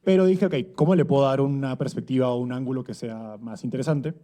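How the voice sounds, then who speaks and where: Onstage at an event, this conference speaker from Peru talks fairly quickly in a warm, mid-pitched voice. His conversational delivery to the audience leans heavily on fillers and rhetorical tags.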